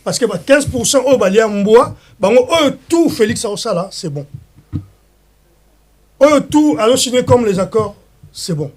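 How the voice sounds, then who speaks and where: Measured in pace but lively in intonation, this very high-voiced man from the Democratic Republic of the Congo speaks Congolese-accented French as a political interview guest. He argues with passion, repeating himself and stumbling into restarts, and mixes in bits of Lingala.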